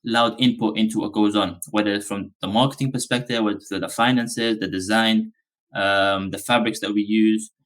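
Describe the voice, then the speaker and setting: A lowish-voiced man from Afghanistan, interviewed on a podcast about his business, speaks at a normal pace. He rambles casually and leans heavily on ums and uhs.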